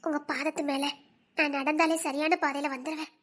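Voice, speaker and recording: A tender young village woman with a soft, humble way of speaking, played by a woman. Her voice is high and bright, though a little lower than usual for her. It is an audio drama performance. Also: little pitch movement, brisk.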